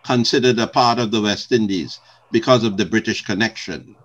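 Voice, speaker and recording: An older man from Guyana, a retired pastor, answering interview questions in slow, measured, formal phrasing. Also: on the low side, breathy edge, lo-fi sound.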